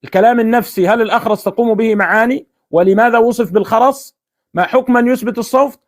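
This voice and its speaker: Brief: Egyptian-accented man, high voice, rapid-fire, badgering his opponent. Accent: Egyptian Arabic. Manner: insistent, repeats his question, taunting. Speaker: debater. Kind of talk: heated religious debate.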